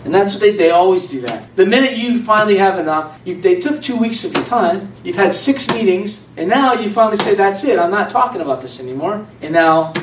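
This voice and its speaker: A man preaching a sermon in a conversational, animated way, joking with the congregation. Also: high voice, a little fast, few pauses. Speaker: pastor. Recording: echoey room, mic at a distance, faint noise.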